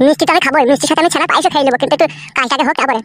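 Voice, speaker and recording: A woman's voice: high-pitched, rapid-fire, fairly bright tone. A woman acting in a comic family sketch, brash and quarrelsome, with rude insults.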